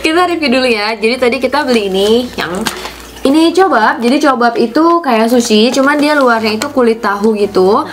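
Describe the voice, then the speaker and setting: A fairly high-pitched young woman talks fairly quickly as she records a shopping vlog. She's upbeat and casual, explaining things along the way, first in a supermarket and then in her home dining room, with music in the background.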